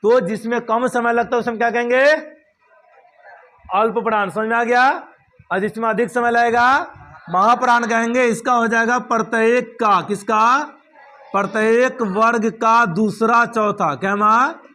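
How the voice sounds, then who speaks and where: Teacher, male, high-pitched voice, drills grammar with repeated rhetorical questions. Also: fairly even intonation, normal speed, sharp tone. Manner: repeats points and asks rhetorical check questions. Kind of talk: classroom grammar lesson.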